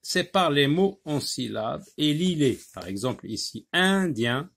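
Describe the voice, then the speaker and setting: A man teaching a French reading lesson, talking slowly and deliberately and spelling out letters and syllables. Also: on the high side, very animated, gravelly, breathy edge.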